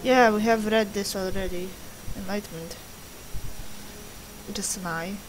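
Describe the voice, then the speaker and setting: A woman's voice: mid-range voice, a little slow, a little hiss or hum, poor audio. A young woman doing casual gameplay commentary in a rambling, sweary, self-deprecating way. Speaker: gaming video host. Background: game music.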